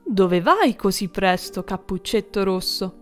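A woman voicing a sly, cunning male wolf in a storybook, speaking slowly and coaxingly. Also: mid-range voice, lively intonation, soft background music, close to an everyday voice. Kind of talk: storybook reading.

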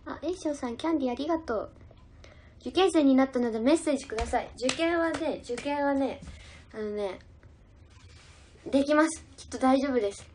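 A woman's voice: high-pitched, moderate pace, mellow, slight background noise. A young woman idol chatting casually on a livestream, giggling as she reads out and answers viewer comments. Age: young adult.

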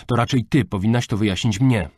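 A man's voice: on the low side, normal speed, husky, no echo, studio quality. A man voicing a strict, overprotective father who scolds in a raised voice. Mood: angry.

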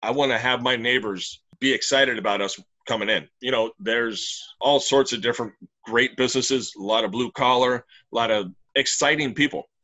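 Over a webcam on a video call, a middle-aged man who owns a brewery lays out his plans casually and in plain detail from a small room. He talks at normal speed with hardly any pauses, in a bright, forceful mid-range voice. The audio is poor.

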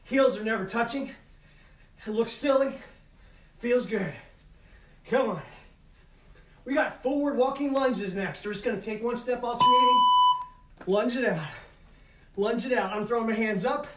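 A man's voice: very high voice, measured pace, long pauses. A middle-aged man calling out moves as an aerobics instructor, urging and motivating while he exercises. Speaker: fitness instructor leading a home workout. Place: carpeted living room at home. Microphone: camera several metres away. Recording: echoey room, distant mic, noisy.

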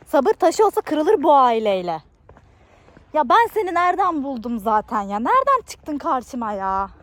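A woman's voice: extremely high pitch, voice pushed up. A woman playing an exasperated young wife who vlogs and scolds her husband in a comedy sketch.

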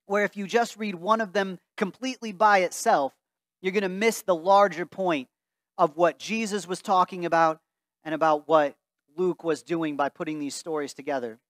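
Earnest and standing, a thirty-something pastor reads aloud from a Bible and preaches in a church sanctuary in front of a stained-glass wall. His high voice holds fairly even intonation at normal speed, and the recording is dry.

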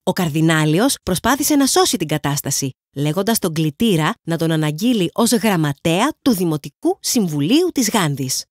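Lively, expressive Greek woman narrator. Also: on the low side, hardly any pauses, no echo. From Greece. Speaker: audiobook narrator. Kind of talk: scripted audiobook narration. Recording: dry close studio sound.

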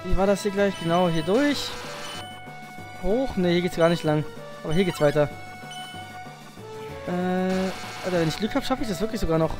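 A man's voice: high voice, moderate pace, long pauses, over music. A man giving loose, slangy gameplay commentary, cursing and muttering to himself as he plays. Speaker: let's play host.

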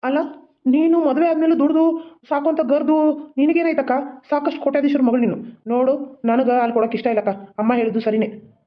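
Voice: high-pitched, steady tone, muffled recording, lightly acted. A performer voicing a blunt, exasperated young man, the rich younger brother in a homemade cartoon drama. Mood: disapproving. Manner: exasperated, blunt, quick-talking. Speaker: cartoon voice actor.

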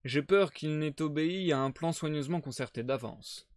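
A man playing a sharp, self-assured male detective, in a brisk, reasoning manner. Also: on the high side, dry recording, natural voice.

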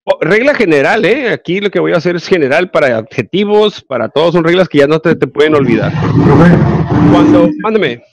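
A man's voice: fairly high pitch, animated, a little fast. A male English teacher with a Mexican Spanish accent, giving an online class and explaining grammar step by step with frequent check-ins.

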